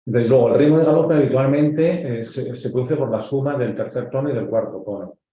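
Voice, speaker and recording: A man's voice: mid-range voice, fairly quick. A man from Spain with a Castilian accent, a pediatric cardiologist giving a medical lecture to residents, explaining step by step with frequent filler words. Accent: Spanish from Spain. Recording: dull, echoey lecture audio.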